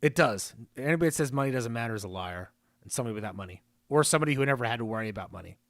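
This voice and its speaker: A man's voice: medium pitch, expressive, rapid-fire, dry recording, studio quality. A man hosting a live stream, chatting casually, joking and reading viewer comments aloud. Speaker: livestream host.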